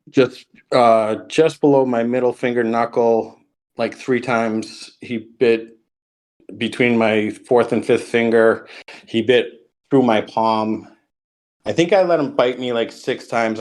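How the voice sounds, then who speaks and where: Man telling a long rambling story. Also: mid-range voice. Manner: rambling, with many ums and restarts. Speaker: podcast guest. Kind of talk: casual storytelling.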